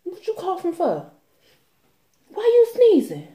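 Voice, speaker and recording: A woman voicing a suspicious, nosy busybody in an exaggerated, shrill, accusatory way for a vlog. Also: huge pitch swings, slow, warm tone, full character voice. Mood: accusing, nosy. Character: suspicious, nosy busybody scolding anyone who coughs. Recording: roomy echo from phone recording.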